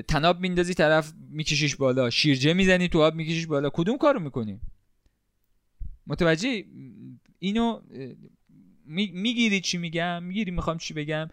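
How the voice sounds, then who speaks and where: A man's voice: on the high side, lively intonation, dry recording, studio quality. A young man sitting and talking to his camera about helping people online, explaining with everyday examples and asking rhetorical questions. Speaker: content creator. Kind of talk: casual talk to camera about helping others. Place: room, seated.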